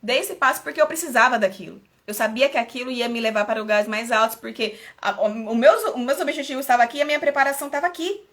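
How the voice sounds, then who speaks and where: Earnest high-voiced woman. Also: fast talker, hardly any pauses, a bit bright. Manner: earnest, personal, repeats herself, restarts phrases. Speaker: mentor hosting a live stream. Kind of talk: motivational live-stream talk.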